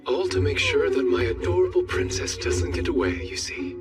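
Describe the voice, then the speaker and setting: A man's voice: fairly high pitch, wildly swooping pitch, normal speed. A man playing a polished, wry young prince in a dramatic English anime dub. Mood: possessive. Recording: distant sound under loud music.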